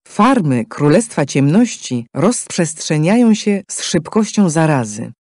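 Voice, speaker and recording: A man with a fairly high, warm voice delivers scripted, dramatic narration for a game story in a solemn, declamatory style. The sound is clean studio audio with no echo.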